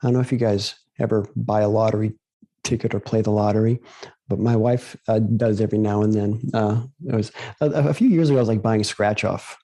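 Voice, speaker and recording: A man's voice: on the low side, fairly even intonation, a little fast, dark tone, no room sound. A man guiding a meditation series, talking casually and rambling with many fillers and restarts. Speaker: meditation guide. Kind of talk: casual spoken reflection.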